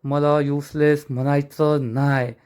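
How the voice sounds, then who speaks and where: A man's voice: a little high, little pitch movement, slow pace, a little mellow, clear, resonant tone. Man playing a hot-tempered scornful young husband. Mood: irritated. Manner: irritated, snapping.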